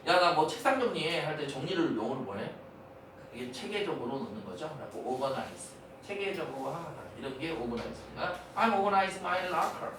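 A man lectures as a teacher, moving through a dialogue with quick explanations and repeated key words, stopping to correct pronunciation. His fairly high voice rings through a strongly echoing room, caught from a distance with a faint hiss underneath. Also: animated. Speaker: English teacher.

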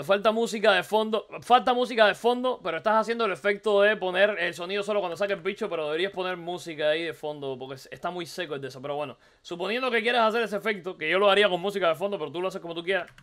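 Still a little hoarse after recording the previous night, the Cuban man keeps his high, bright voice going as he critiques a viewer's clip on a casual live stream. His Cuban Spanish comes out rapid-fire, full of teasing, repeated lines and rhetorical questions.

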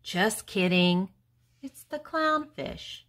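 With a mid-range, slightly bright voice and lively intonation, an older woman reads a picture book to young children. She goes slowly like a teacher, pausing between words and posing questions she then answers.

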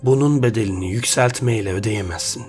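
A man's voice: lowish voice, fairly quick, music in the background, natural voice. A man voicing a vengeful male hunter who growls his words. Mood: cold.

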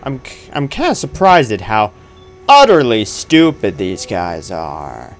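A man in his twenties giving casual, halting, wry gaming commentary into a close desk microphone. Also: fairly low pitch, wildly swooping pitch. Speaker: gaming video host. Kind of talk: casual let's play commentary. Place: small room indoors. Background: video game ambience.

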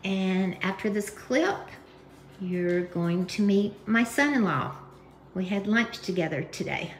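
A woman's voice: mid-range voice, animated, takes it slowly, a little hiss or hum. A woman in her fifties chatting casually for her vlog, gushing and proud, filmed on a phone at arm's length. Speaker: vlogger. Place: home kitchen, then restaurant bar with TVs. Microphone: phone camera at arm's length.

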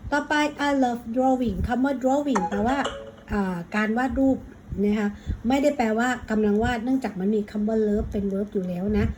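A woman teacher with a Thai accent, patiently walking children through English exam questions, reading the English lines out slowly and calling the listener "child". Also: a little high, mellow, slight background noise, rough recording. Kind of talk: exam prep lesson.

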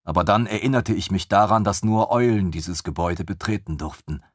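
A man reading a fantasy audiobook in measured first-person narration. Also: sits low, no room sound, clean studio sound. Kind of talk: scripted narration.

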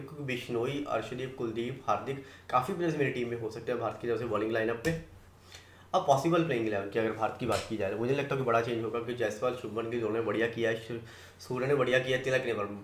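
A man giving fantasy cricket team tips in fast casual talk, confident, often checking in with his listeners. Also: medium pitch, echoey room. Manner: rapid, confident, keeps tagging "है ना" and "दोस्तों".

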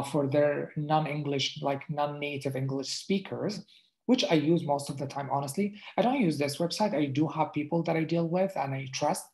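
This male voice is a little high and a little mellow. He is a dermatologist, Arabic being his first language, lecturing casually online over slides via video call and speaking conversationally with frequent restarts and fillers.

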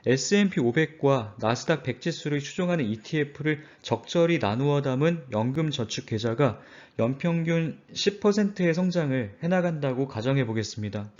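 A man narrating a scripted finance talk in a calm, measured and earnest way. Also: medium pitch, lo-fi sound. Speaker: finance channel host.

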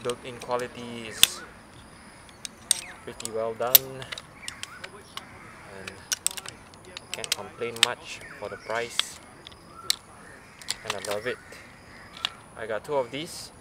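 Laid-back male fishing vlogger, slow easygoing talk, loud outdoor noise behind. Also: medium pitch. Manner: relaxed, unhurried, thinking aloud. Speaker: fishing channel host. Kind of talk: casual vlog narration.

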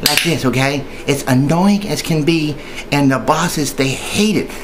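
A union member shares tips in an informal training video, talking in a chatty, hesitant and rambling way and frequently going over the same points again. His voice is fairly high-pitched and unhurried, with a slight hiss or hum.

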